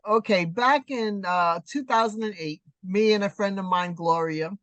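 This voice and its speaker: A woman in her sixties from New York City, telling her story as an interview guest in an animated, emphatic way. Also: medium pitch, moderate pace, no echo. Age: 60s. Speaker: guest artist. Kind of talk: casual interview chat.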